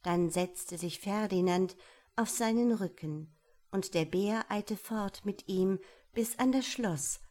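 A woman reading a fairy tale aloud in a calm, measured way. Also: medium pitch.

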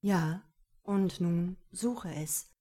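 A woman voicing a gentle, teasing man courting a young woman, speaking low and murmuring in an audiobook. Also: very slow. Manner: soft, low, murmuring delivery. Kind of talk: audiobook character reading.

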